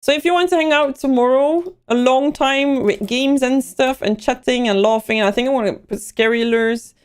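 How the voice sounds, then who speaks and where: Her first language is Dutch, and this young woman from Belgium has a lilt to her English. In a slightly high, clear and resonant voice at a moderate pace, she hosts a casual livestream, chatting loosely and rambling from thought to thought as she answers viewers' chat messages.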